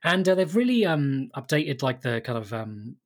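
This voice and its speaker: A man's voice: medium pitch, very animated, normal speed. A man from England chatting casually on a podcast, rambling with lots of fillers and frequent laughs. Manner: rambling, laughs often, many fillers and restarts. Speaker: podcast co-host. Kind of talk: casual chat.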